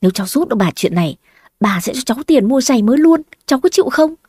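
A fretful old grandmother pleads and schemes, as a woman storyteller puts her on. Her coaxing voice sits somewhat high. The sound is dry and close. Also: expressive, fast talker, dark tone, husky, no room sound.

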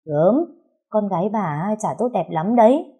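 A woman's voice: on the low side, lively intonation, a little fast, mellow, slightly rough. A woman doing a scornful quarrelsome old mother. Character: sharp-tongued older mother, defensive and scornful.

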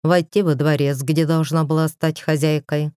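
A woman voicing a smooth, scheming male kidnapper in an audiobook, calm and persuasive. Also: low voice, moderate pace, no room sound, clean studio sound, close to an everyday voice.

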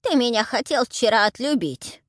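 Role: a shrill half-deaf old granny. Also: female voice, animated, no echo, studio quality. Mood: squawking. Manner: loud, shrill, drawn-out squawking.

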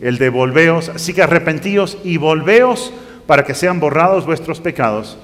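A man's voice: on the high side, lively intonation, moderate pace. A man preaching a sermon, reading scripture aloud and rising to emphatic bursts. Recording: long reverb of a hall.

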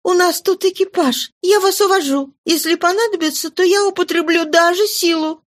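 A woman voicing a lively, affectionate young woman in an audiobook reading, in a high, animated voice. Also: moderate pace. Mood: cheerful.

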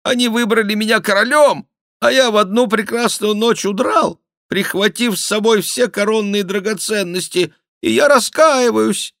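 Man doing a nasal high-voiced jester. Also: normal speed, creaky, no room sound, studio quality. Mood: mocking. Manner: loud, theatrical, high-pitched mock repentance. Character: mocking male court jester, mock-confessing.

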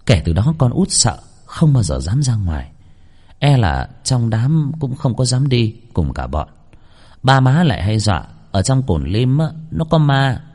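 A man narrating a ghost story in an expressive storytelling manner. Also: medium pitch, a little slow.

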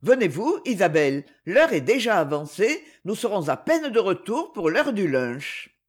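A haughty young lord with a curt, commanding delivery, snapping orders with cold authority, as a woman reader puts him on. His voice is sharp and imperious, and his lines are lively in pitch. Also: a little slow, breathy edge, exaggerated voice. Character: proud, hot-tempered young nobleman.

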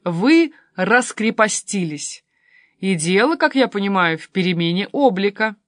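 Woman voicing a measured male theatre director. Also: mid-range voice, expressive, dry recording, clean studio sound, close to an everyday voice. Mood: approving. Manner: slow, deliberate, approving.

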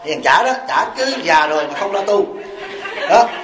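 A man's voice: sits high, expressive, normal speed, crowd noise. A man, a Buddhist monk with a Southern Vietnamese accent, giving a sermon in a folksy storytelling way, with rhetorical questions and acted-out quotes. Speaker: Buddhist monk and abbot giving a dharma talk. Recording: echoey hall recording.

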